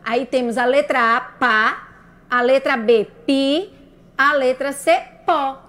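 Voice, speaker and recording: A woman's voice: high voice, takes it slowly, a bit bright. A woman teacher giving a children's lesson on syllables, sounding each one out and checking in with a rising "right?". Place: broadcast lesson for radio and video.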